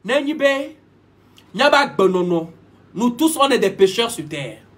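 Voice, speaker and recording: Husky high-voiced man preaching live. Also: sing-song, a little slow. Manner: preachy, repetitive, switching languages mid-sentence. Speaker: livestream host. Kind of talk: live-stream monologue.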